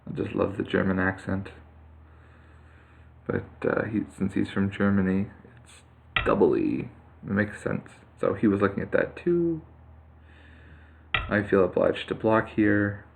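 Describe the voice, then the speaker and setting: A man with a deep, gravelly voice talks through his moves at an unhurried pace. He thinks aloud as he plays, full of fillers and restarts. It sounds like casual live commentary over a screen recording. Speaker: player commenting live on his own Go game. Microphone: computer mic on a screen capture.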